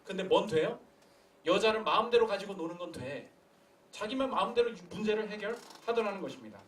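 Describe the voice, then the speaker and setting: A young man preaches a sermon in a high voice, posing rhetorical questions and acting out quotes. He is recorded from a distance, in an echoey church with faint room sound behind him. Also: a little fast. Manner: animated storytelling with acted quotes and rhetorical questions. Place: church sanctuary.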